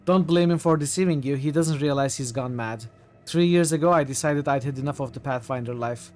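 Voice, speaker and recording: A man's voice: medium pitch, a little fast, darkish tone, close to an everyday voice. Man voicing a teasing, smug young sorceress. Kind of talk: reading video game dialogue aloud. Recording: music behind the voice.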